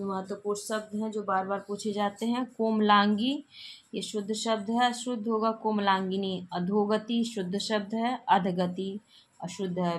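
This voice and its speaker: A woman's voice: mid-range voice, slight background noise. A woman teaching Hindi grammar, reading out exam spelling questions and explaining the correct forms, often repeating them with the odd cough.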